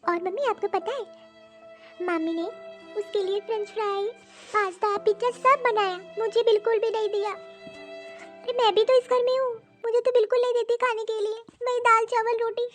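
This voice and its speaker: A woman voicing a young village girl who is sad and tearful, in a plaintive, complaining way, for an animated story. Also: very high voice, normal speed, faint music behind. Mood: hurt, tearful.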